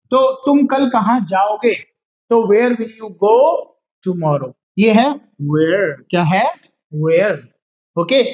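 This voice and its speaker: A man with an Indian accent, a native Hindi speaker, teaching a spoken English lesson and slowly repeating English phrases for learners to copy. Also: high-pitched, a little mellow, muffled recording. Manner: slow drilled repetition of English phrases.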